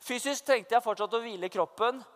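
Fervent young man preaching in a reverberant hall. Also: very high voice. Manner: fervent, shifts from hushed to loud proclamation. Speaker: youth leader giving testimony. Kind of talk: sermon testimony. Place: church hall. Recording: long reverb of a church hall.

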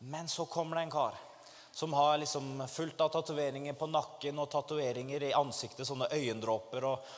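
A man preaching a testimony to a congregation, telling his story in an animated way and rising to fervent exclamations. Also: on the high side. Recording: long hall reverb.

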